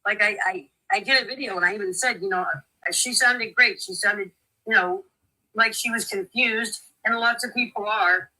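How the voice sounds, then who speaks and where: A woman's voice: medium pitch, moderate pace, pushed and bright, rough recording. A woman in casual chat, speaking earnestly and sympathetically.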